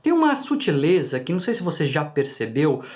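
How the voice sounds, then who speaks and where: Higher-voiced Brazilian man explaining to camera. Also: wildly swooping pitch, fairly quick, a little mellow. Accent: Brazilian Portuguese. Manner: conversational, frequent tag questions to the viewer; talks directly to the viewer. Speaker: channel host.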